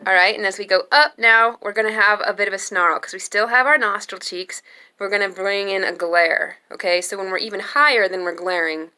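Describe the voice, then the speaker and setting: A young adult woman giving a singing lesson, explaining slowly and calmly between sung demonstration notes. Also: medium pitch. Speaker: singing teacher.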